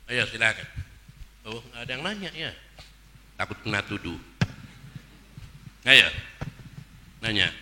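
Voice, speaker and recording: A man preaching a sermon and leading a congregation in prayer, coaxing listeners and drawing out chanted invocations slowly. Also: medium pitch, sing-song, noisy background. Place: religious gathering.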